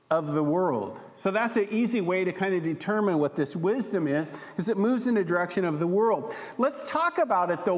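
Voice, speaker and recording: A man preaching a sermon as pastor in a church, teaching in a conversational way and often checking in with the congregation. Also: sits high. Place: church sanctuary. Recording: reverberant church hall.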